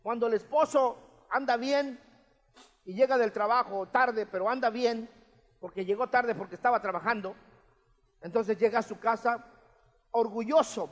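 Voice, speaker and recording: A man, preaching a sermon as pastor in a conversational way, often checking in with his listeners. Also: sits high. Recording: long hall reverb.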